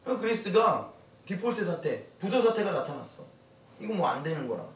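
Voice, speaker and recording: Guy giving a camp lecture, kinda high voice, acts out little dialogues, sounds far from the mic. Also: big pitch swings, a little fast. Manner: acts out quoted dialogue in casual speech; addresses the audience directly with questions. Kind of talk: lively lecture to a camp audience. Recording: echoey room from far off, faint noise.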